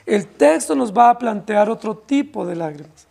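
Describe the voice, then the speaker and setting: A pastor from Colombia preaching an impassioned, pleading expository sermon to his congregation, often dropping his voice low on key words. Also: expressive, moderate pace, creaky, darkish tone. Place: church congregation.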